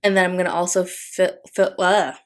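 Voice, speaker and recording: This planner vlogger, a young woman from the Philippines with Tagalog as her first language, chats casually in a voice-over as she decorates a planner. Her voice is on the low side with little pitch movement and normal speed, and her talk rambles, full of fillers and restarts.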